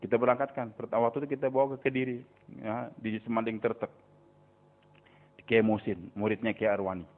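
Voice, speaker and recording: A man's voice: mid-range voice, little pitch movement, fairly quick. Older preacher man, tinny lo-fi sound. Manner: storytelling, asks listeners "hmm?" often. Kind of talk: sermon. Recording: tinny phone-like recording.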